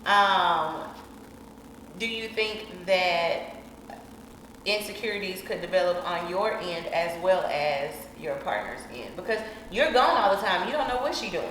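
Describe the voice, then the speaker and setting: Casual podcast host, a woman with a lowish voice, in a very echoey room with faint hiss. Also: unhurried, fairly bright tone. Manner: encouraging, asks questions with frequent affirmations. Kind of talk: casual interview.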